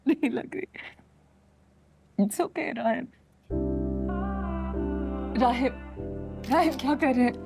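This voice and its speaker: An actress playing a fragile young wife who speaks in halting, soft, pleading phrases in a TV drama. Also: female voice, sits high, gravelly, loud music behind the voice, full character voice. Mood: playful protest. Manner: halting, soft, repeats his name. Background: drama background score.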